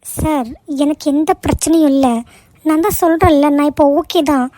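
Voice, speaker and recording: Gentle young office worker, voiced by a woman, cartoon: high voice, soothing and patient. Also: fairly even intonation, normal speed, no room sound, natural voice. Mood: reassuring. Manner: soothing, patient, warmly persuasive. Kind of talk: cartoon voice acting.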